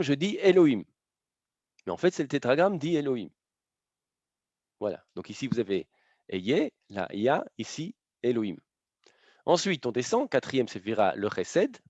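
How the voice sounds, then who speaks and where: A man's voice: mid-range voice, darkish tone, no echo. Man teaching, full of questioning tags. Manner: explanatory, punctuated by frequent tag questions. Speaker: lecturer. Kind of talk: lecture to a live audience. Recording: dull, slightly muffled lo-fi sound.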